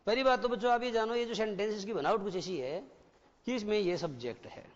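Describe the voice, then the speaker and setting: A man's voice: high voice, fast talker. A male English teacher with an Indian accent giving a classroom lecture, explaining step by step and often quizzing the students. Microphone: satellite broadcast studio. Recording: dull, lo-fi broadcast with long hall reverb.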